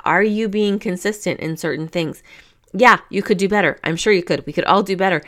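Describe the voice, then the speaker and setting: Encouraging woman with a smooth, lowish voice. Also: a bit bright. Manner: encouraging, repetitive, casual with fillers. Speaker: podcast host. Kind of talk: motivational talk.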